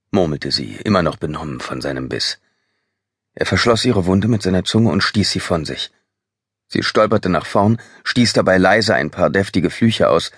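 Male narrator, very low husky voice, dramatic storytelling, dry booth sound. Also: no echo. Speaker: audiobook narrator. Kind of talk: scripted narration. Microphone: close studio mic. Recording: dry studio recording.

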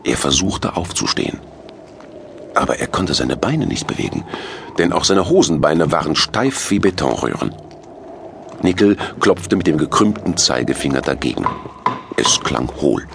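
A man narrating a children's audiobook with expressive storytelling. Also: low voice, moderate pace, gravelly, slight background noise.

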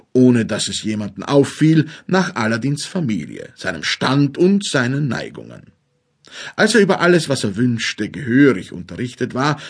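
A man narrating a fairy-tale audiobook in a measured storytelling manner. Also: medium pitch, breathy edge.

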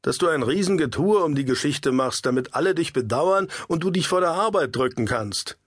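A man voicing a mocking young man who needles his brother in a scornful tone, with a husky voice. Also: on the high side, lively intonation, a little fast, dry recording, clean studio sound, voice pushed up.

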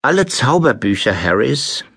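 A man reading an audiobook aloud in expressive storytelling style, switching into many character voices. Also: mid-range voice, normal speed, breathy edge, no room sound, studio quality. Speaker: audiobook narrator. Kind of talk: scripted narration.

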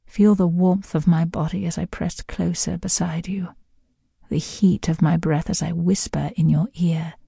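Woman, sultry close-mic narrator: dark, breathy, very slow, half-whispered. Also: on the low side, no room sound. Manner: slow, hushed, seductive delivery with whispered phrases. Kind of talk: scripted intimate second-person audio narration.

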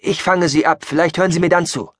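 A man's voice: on the high side, fairly even intonation, fast, no echo, studio quality, voice pushed up, lightly acted. A man voicing a desperate adult man who pleads urgently in a raised voice.

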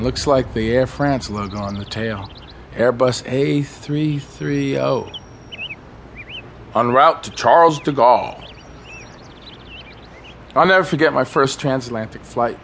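A man's voice: mid-range voice, fairly bright tone, slight background noise. A man reading a first-person story aloud as a rambling, wistful monologue, stumbling and restarting as he remembers. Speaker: audiobook narrator.

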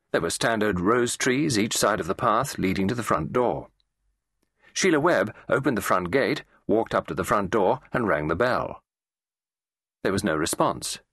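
A man reading a classic mystery as an audiobook narrator, measured and expressive. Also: lowish voice, husky, dry recording, studio quality.

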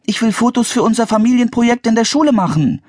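A man voicing an eager, cheerful young girl in a storybook audiobook, his voice raised high and bubbly. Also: fast talker, a little mellow, dry recording, clean studio sound.

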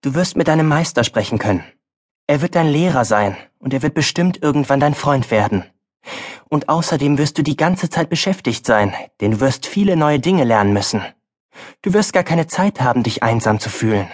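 A man's voice: mid-range voice, animated, normal speed, close to an everyday voice. A male audiobook narrator voicing a farm boy's stern, wise mother, speaking firmly and earnestly. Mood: gentle. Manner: firm, earnest, then softer.

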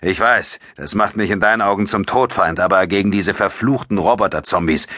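A man's voice: sits low, fairly quick, bright, forceful tone, no room sound, clean studio sound, pitched above the performer's own voice. A male narrator voicing a mocking, cynical male soldier who taunts and argues in an audiobook. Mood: heated. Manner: sarcastic, taunting.

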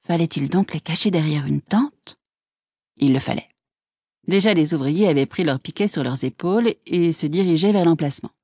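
Woman reading a classic story, husky tone, dry close sound. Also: deep voice, moderate pace, a little mellow, no room sound. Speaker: audiobook narrator. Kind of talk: literary audiobook narration.

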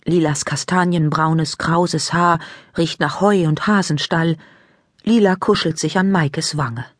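A woman narrating a children's audiobook in a calm, even storytelling manner. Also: low voice, no echo, clean studio sound.

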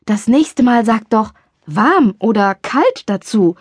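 A woman's voice: on the high side, animated, slow, breathy edge, no room sound, heavily acted. A woman doing an eager young best friend. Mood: eager, pouting.

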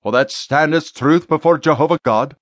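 A man voicing a stern, confident male exorcist in an audiobook, delivering forceful, insistent commands. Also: fairly high pitch, moderate pace, dry recording, clean studio sound, voice pushed up, lightly acted. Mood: commanding. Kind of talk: audiobook character voice.

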